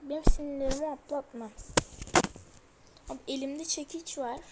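A woman's voice: high-pitched, steady tone, normal speed, very noisy. A young woman playing a horror game, talking to viewers in a jittery, scared, exclaiming way. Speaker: gamer. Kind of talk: horror game let's play commentary.

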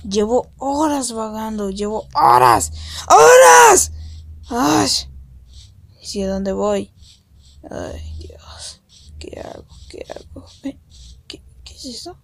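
A woman's voice: mid-range voice, expressive, slow pace, long pauses, a little mellow, no echo. A woman playing a lost wanderer girl in a game skit, who squeals and repeats her words over and over. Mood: weary, whiny. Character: lost, bored wanderer girl who turns giddy and shrieking.

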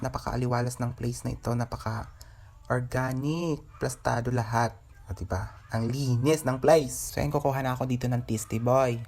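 A man's voice: medium pitch, darkish tone. A man narrating a grocery vlog in a joking, self-mocking way, laughing often. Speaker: vlogger. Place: indoors at a grocery store.

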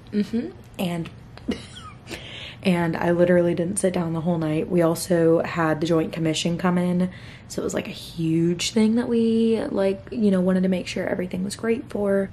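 A woman's voice: fairly low pitch, mellow, slight background noise. A young adult woman vlogging from home in a rambling casual chat, often saying "like". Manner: chatty and rambling, fond of saying "like".

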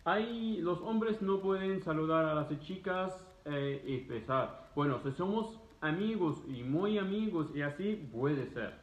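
A travel vlogger speaking in a slow, hesitant, casual way, with many fillers and restarts, explaining things to students. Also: male voice, a little high, expressive. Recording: echoey, phone-like sound.

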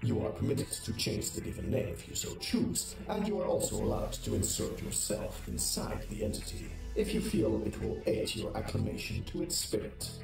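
A man voicing a calm, formal male AI administrator in a game, with an echoing, processed robot voice and a measured, instructive manner. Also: high voice. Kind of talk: game voice acting. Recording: heavy echo, distant, game music behind.

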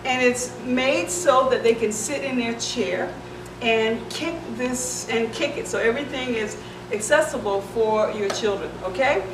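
A woman's voice: on the high side, a little slow, noisy background. A middle-aged woman who runs a children's center, chatting through a casual how-to demonstration, often restarting her sentences. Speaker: founder and director of a center for children. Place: large indoor playroom. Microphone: camera microphone from across the room. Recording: echoey room heard from a distance.

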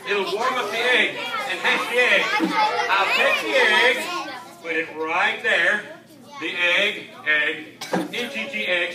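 A middle-aged man performing as a kids' party magician, with playful patter and mock surprise in a live children's show. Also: very high-pitched. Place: school library room, indoors. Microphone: camera at a distance. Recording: echoey room, distant camera, audience noise. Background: audience of children.

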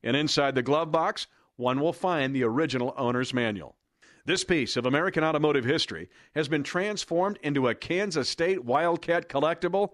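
A man's voice: fairly high pitch, a bit bright, no room sound, studio quality. A man reading an enthusiastic scripted promo voice-over in an announcer's delivery. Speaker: promo narrator.

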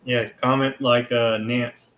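A man's voice: mid-range voice, little pitch movement, slow, fairly bright tone, rough recording. Joking man in casual banter. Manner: joking, teasing. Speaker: onlooker at a game.

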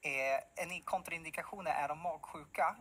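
A pediatric specialist nurse in his thirties explains things in a relaxed way, using many fillers. He's being interviewed in a bright TV studio and wears a lapel mic. His voice is a little high and slightly rough.

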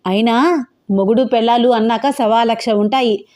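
A woman playing a shrill furious mother-in-law. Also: moderate pace, close to an everyday voice. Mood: shouting scornfully. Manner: shrill, shouting, scornful. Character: furious haughty middle-aged mother-in-law.

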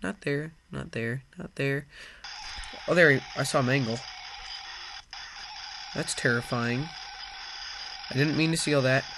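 A man's voice: medium pitch, a little slow, long pauses, background noise. Rambling self-mocking young man gaming. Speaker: gaming video host. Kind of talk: let's play commentary. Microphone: desk mic with face cam.

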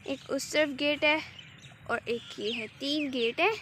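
A woman with a hoarse throat, chatting casually on a walking vlog in a park. She mixes English words into her talk and sounds a little shy. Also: high-pitched, takes it slowly, fairly bright tone. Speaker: vlogger. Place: outdoor city park. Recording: noisy outdoor phone recording. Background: open-air park ambience.

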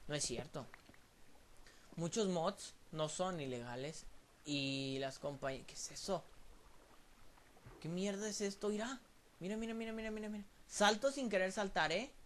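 A man with a Mexican Spanish accent, casually commentating his own gameplay to viewers with lots of swearing and excited outbursts. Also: fairly high pitch, a little hiss or hum. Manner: profane, excitable, talks to viewers while playing. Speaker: gameplay channel host.

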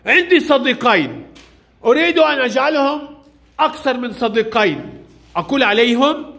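A man's voice: very high-pitched, big pitch swings, moderate pace, vocal fry, fairly bright tone. A male primary school teacher, giving a classroom reading lesson and prompting and praising pupils in short commands.

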